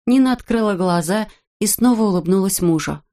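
A woman narrating an audiobook in a measured, even reading voice. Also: medium pitch.

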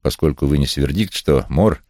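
Male audiobook narrator, very low and gravelly, wry first-person delivery, dry studio sound. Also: moderate pace, dark tone, no room sound. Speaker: audiobook reader.

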